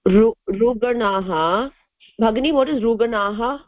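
A woman's voice: on the high side, normal speed, no echo. A woman joining a group voice call as a student and reading her answers aloud. She sounds hesitant and checks in often with the teacher. Her voice is thin and phone-like, with a dry sound and no room around it. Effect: heard through a group voice call. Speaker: student in an online language class.

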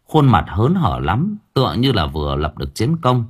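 A man narrating an audiobook story in an expressive storytelling manner. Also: on the low side, moderate pace, slightly rough. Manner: expressive, swinging voice for drama.

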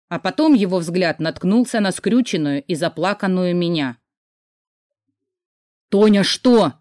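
A woman narrating a novel in the first person in a steady, measured reading. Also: mid-range voice, no echo, clean studio sound. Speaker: audiobook narrator.

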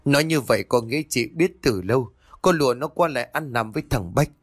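A man's voice: mid-range voice, expressive, fast talker, breathy edge, no echo, studio quality. A man voicing a stern, furious old village mother who scolds harshly through gritted teeth.

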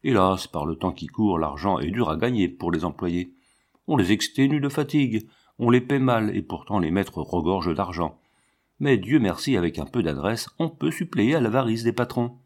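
A sly young clerk drawls his words in a low, smooth voice, as a man reads the part. He sounds wheedling, like a storybook schemer. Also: lively intonation, moderate pace.

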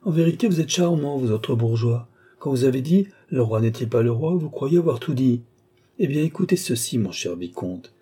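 A man's voice: medium pitch, animated, moderate pace, warm tone, breathy edge. A man voicing a shrewd, fussy middle-aged police chief in an audiobook, speaking emphatically. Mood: mocking.

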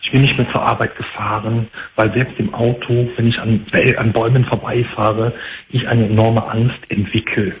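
A man in his thirties calling a talk show, giving a halting personal account over an unclean phone line. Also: medium pitch, little pitch movement. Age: 30s. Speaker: phone-in caller. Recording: unclean tinny phone line, faint noise.

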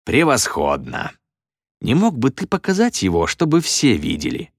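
A man voicing a smug stage magician with a slow, drawn-out, mocking showman delivery in a storybook reading. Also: mid-range voice, huge pitch swings, no room sound, clean studio sound, voice pushed up.

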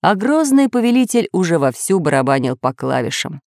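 Brief: lively woman storyteller, animated pitch, dry close mic. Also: a little fast, dry recording. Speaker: audiobook narrator. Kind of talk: children's storybook reading.

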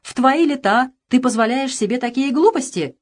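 A woman's voice: high-pitched, moderate pace, pitched above the performer's own voice. A woman voicing a stern, cold noblewoman who scolds and commands her son harshly, in an audiobook. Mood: cold anger.

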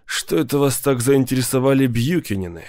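A man voicing a big, menacing lawyer who speaks slowly and with cool politeness. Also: mid-range voice, animated, darkish tone, dry recording, studio quality, close to an everyday voice. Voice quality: slow, measured, coolly polite. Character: big cold male mobster lawyer, menacing, patient.

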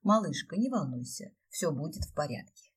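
Tender young prince, unruffled and reassuring, read by a woman narrator; breathy tone. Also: low-pitched, moderate pace, recorded from a distance, exaggerated voice. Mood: calm. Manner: calm, reassuring.

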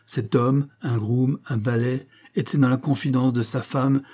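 Audiobook narrator, man, steady measured reading, dark mellow voice with some huskiness. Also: mid-range voice.

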